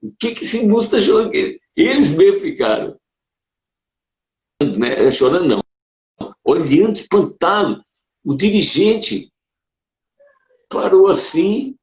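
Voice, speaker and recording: A man, a Brazilian pastor, telling his conversion story in a casual conversation, animated and emotional, with sudden leaps up in pitch. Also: slow pace, pauses often. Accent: Brazilian Portuguese. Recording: dull roomy sound.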